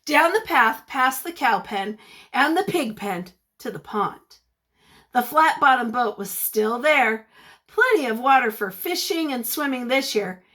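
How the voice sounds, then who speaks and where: Here a high-pitched woman reads a picture book aloud to kids, teacher-style. Her delivery is expressive and encouraging, with pauses for questions aimed at the little listeners.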